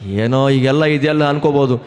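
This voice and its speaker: A man giving a devotional scripture discourse, telling stories with rhetorical questions and chanting verses slowly. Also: mid-range voice, fairly even intonation, a little mellow. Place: large temple hall. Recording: long hall reverb.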